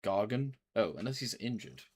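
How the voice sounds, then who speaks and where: A man with a fairly low, very animated voice gives casual gameplay commentary. He is slangy, swears freely and talks to himself as he plays. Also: normal speed, breathy edge. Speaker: video game streamer.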